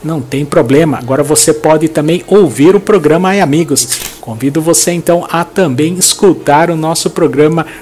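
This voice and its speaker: A man's voice: on the high side, normal speed, few pauses, darkish tone. A man in his thirties with a Brazilian Portuguese accent, hosting a web show and reading cultural event listings in an upbeat announcer manner on a headset mic in a studio. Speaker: host.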